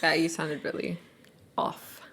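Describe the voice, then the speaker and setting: A woman's voice: low voice, flat delivery, measured pace, a bit bright, whispered. A woman co-hosting a casual book podcast, chatting and laughing along with her friend. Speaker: podcast co-host. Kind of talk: casual chat.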